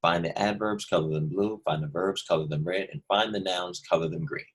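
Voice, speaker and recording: A man's voice: low-pitched, steady tone, brisk, breathy edge. A male second grade teacher patiently walking young students through a worksheet, explaining each step and repeating key points. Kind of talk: remote lesson walkthrough.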